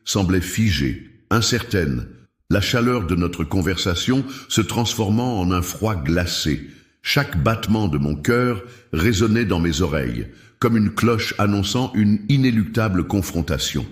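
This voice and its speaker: A man narrating a dramatic first-person story in a measured, solemn way. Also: low-pitched, lively intonation. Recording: roomy echo.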